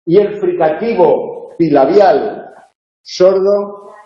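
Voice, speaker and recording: A man's voice: high voice, extremely slow. A man teaching a university phonology tutorial in a classroom, explaining step by step with frequent "eh" and tag questions. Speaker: university lecturer. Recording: echoey room, dull lo-fi sound.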